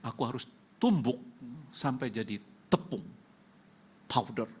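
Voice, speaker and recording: A man's voice: medium pitch, lively intonation, measured pace, darkish tone, slightly rough. A male pastor with an Indonesian accent giving an emotional testimony sermon in church, acting out the dialogue of the people in his story.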